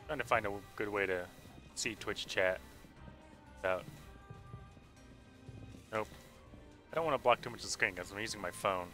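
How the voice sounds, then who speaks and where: Bright-voiced man rambling over gameplay. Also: lowish voice, normal speed, long pauses, faint music behind. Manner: rambling, thinking aloud with many fillers. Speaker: game streamer. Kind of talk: casual live gameplay commentary.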